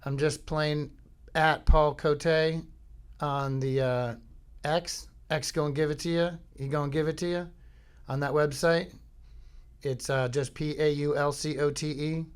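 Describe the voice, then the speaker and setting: His pitch is fairly high, his tone steady and clean, and he speaks a little slowly. The middle-aged Florida man hosts his own podcast from home, rambling comically and breaking off into goofy sung bits and impressions.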